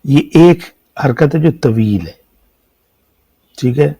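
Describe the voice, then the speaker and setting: Male language teacher, Pakistani Urdu accent, patient explainer, mellow and slightly husky voice. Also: mid-range voice, lively intonation, dry recording, rough recording. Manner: patient, explanatory, asks and answers own questions. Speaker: Arabic teacher. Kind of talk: classroom lecture explaining script.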